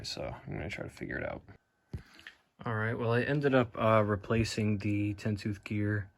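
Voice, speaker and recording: American man, lowish voice, matter-of-fact hobbyist, unscripted repair vlog, faint background noise. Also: gravelly. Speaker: hobbyist repairing a Halloween animatronic. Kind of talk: casual hands-on repair narration.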